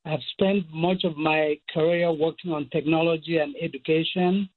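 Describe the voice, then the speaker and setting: A man with a Cameroonian accent, speaking as a guest expert in a measured way, listing points. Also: fairly high pitch, fairly even intonation. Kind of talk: phone-in interview. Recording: tinny phone line.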